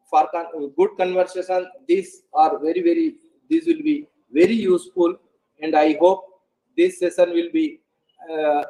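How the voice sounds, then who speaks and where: A man's voice: high voice, dark tone, poor audio. A man giving a lecture on English intonation to learners, hesitant, with many fillers and restarts. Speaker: English pronunciation presenter.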